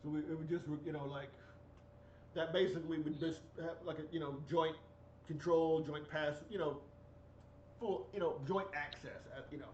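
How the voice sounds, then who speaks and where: A man in his forties talks in a halting, filler-heavy way, his voice pitched a bit high. He sits back from a muffled mic in an echoey room, with a faint hiss underneath. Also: fairly even intonation, far from the mic. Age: 40s. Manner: hesitant, many fillers and restarts. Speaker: podcast co-host. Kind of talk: casual chat.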